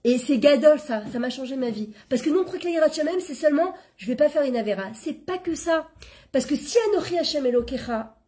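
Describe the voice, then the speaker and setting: A middle-aged woman leads an informal spiritual lesson, her voice sitting a little high. She tells stories from her own life in a chatty, animated way and slips Hebrew terms into her French. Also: fairly quick. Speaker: Torah class teacher and coach.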